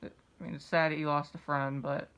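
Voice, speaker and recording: A young American man interviewing in a casual, halting way, feeling his way through questions. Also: a little high, level tone, fairly bright tone, clear, resonant tone. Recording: slightly dull, muffled sound.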